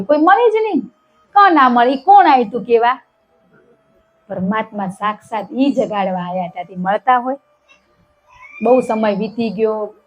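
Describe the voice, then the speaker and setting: Through a recording with the highs cut off, a woman with a fairly high voice delivers a devotional satsang talk. She recounts a parable, shouting out the characters' lines as she performs them, and keeps checking in with her listeners through short questions.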